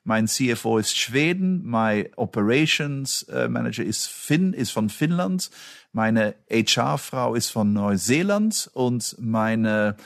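A man's voice: medium pitch, animated, slow, vocal fry, no room sound, studio quality. A man from Belgium, a non-native German speaker, answering interview questions as a company chief in earnest, slightly broken German. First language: not German.

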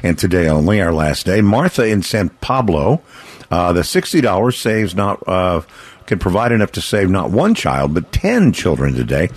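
American man, deep low voice, radio pledge-drive host, limited-time sales pitch, folksy, rambling, earnest persuasion. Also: very animated, normal speed, no room sound. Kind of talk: live on-air charity pledge-drive appeal.

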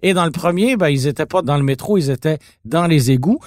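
A man with a Québécois French accent co-hosting a podcast, telling stories in a teasing, animated way. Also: on the high side, a little fast, no room sound, studio quality. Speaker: podcast co-host. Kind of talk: casual podcast chat about car films.

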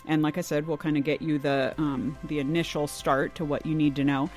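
A man's voice: fairly high pitch, flat delivery, brisk, faint music behind. A man hosting a podcast roundtable who affirms his guests and sounds upbeat. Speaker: host.

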